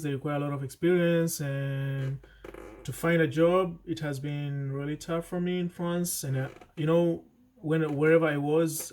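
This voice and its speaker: A young man shares casual vlog advice on camera, earnestly chatting away with restarts and side comments. His voice is fairly high and a touch mellow.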